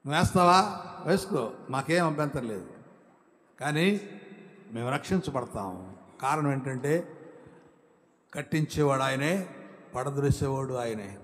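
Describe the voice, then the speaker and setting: A man preaching a sermon as a pastor, asking rhetorical questions and swinging between loud exclamations and low, quiet lines. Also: expressive, measured pace, long pauses, big-room sound. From India.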